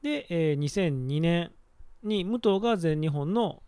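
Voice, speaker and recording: A man with a Kansai accent hosting a relaxed chat and leading the talk. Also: on the high side, a little slow, clean tone, dry recording. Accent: Kansai Japanese. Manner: leads the talk, relaxed, laughs often. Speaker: podcast host. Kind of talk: casual chat.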